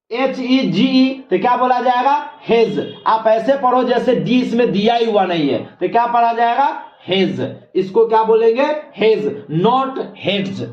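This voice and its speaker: High-voiced male teacher in an echoey room. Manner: repetitive teacher, asks and answers his own questions, spells letters slowly. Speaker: English teacher. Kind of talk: classroom lesson explaining pronunciation. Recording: echoey room, slightly dull sound.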